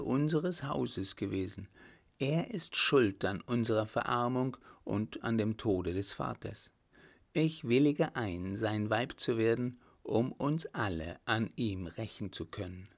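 A man reading an audiobook, voicing a calm, coldly vengeful young woman. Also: medium pitch, vocal fry. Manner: calm, hard, measured. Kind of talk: audiobook character voice.

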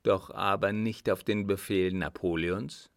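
A man's voice: deep voice, fairly even intonation, unhurried, dry recording, studio quality. A man reading a storybook voices an astonished male companion asking eager questions. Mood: curious.

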